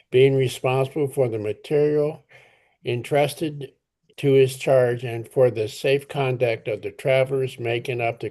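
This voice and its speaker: A man reading a passage aloud to a study group, careful and a little halting, stumbling and correcting himself. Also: mid-range voice, dark tone.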